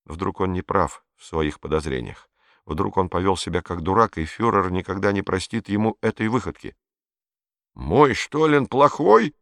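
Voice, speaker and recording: Low-voiced man reading an audiobook. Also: moderate pace, a bit bright, no echo, studio quality. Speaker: audiobook narrator. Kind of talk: scripted narration.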